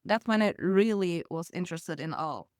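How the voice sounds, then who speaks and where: Young woman, smooth clear voice, dry close sound, casual storytelling. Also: fairly low pitch, expressive, normal speed, dry recording. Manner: storytelling with laughs and acted quotes. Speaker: podcast guest. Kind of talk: casual conversational interview.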